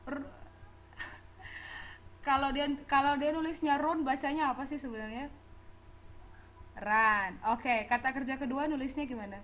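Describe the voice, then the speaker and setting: A woman's voice: high-pitched, steady tone, normal speed, pauses often, fairly bright tone, a little hiss or hum, low-quality recording. A woman teaching English in a classroom, mixing Indonesian and English as she drills students on verb forms and pronunciation, with frequent small laughs. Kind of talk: classroom lecture.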